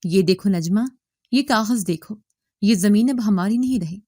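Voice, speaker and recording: A woman's voice: medium pitch, warm tone, no room sound, studio quality, natural voice. A woman voicing an angry, stern middle-aged father in a spoken story, reading his lines in a harsh, scolding manner. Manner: scolding, bitter.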